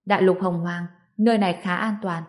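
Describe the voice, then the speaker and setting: A woman reading the part of a calm, cocky young male cultivator in a storybook, with a cool, mocking manner. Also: high voice, a little fast, close to an everyday voice.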